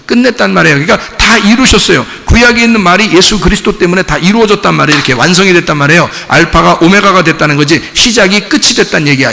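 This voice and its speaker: Gravelly, bright-voiced male preacher. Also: high-pitched, big-room sound. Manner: lively preaching with acted-out dialogue and rhetorical questions. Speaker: pastor. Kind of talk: sermon. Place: church sanctuary.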